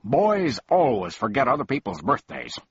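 A man's voice: medium pitch, huge pitch swings, moderate pace, breathy edge, dry recording, dull audio, pitched above the performer's own voice, full character voice. A man voicing a tiny, fierce male policeman who barks out accusations in an officious, pompous way.

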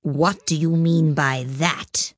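A woman voicing a languid, stern and contemptuous caterpillar in a slow, sleepy drawl. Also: deep voice, fairly even intonation, no echo, studio quality. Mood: curt, stern.

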